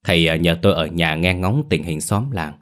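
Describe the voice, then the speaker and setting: A man's voice: deep voice, moderate pace, fairly bright tone. A man voicing an old village grandfather who speaks in a reassuring, hesitant way.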